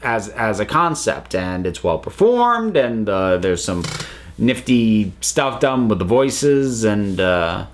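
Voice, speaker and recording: Speaking slowly in a lowish, sing-song voice with slight background noise, an American channel host gives a loose, rambling review of audio dramas. He often starts over and corrects himself mid-thought.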